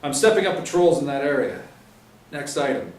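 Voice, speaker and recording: In an audiobook-style story reading, a man voices a stern police sergeant who barks orders with clipped, no-nonsense authority. His medium-pitched, natural voice is pushed up, swinging widely in pitch at a fairly quick pace, and the mood is stern and commanding. It sounds roomy, as if from a distant mic, with faint background noise.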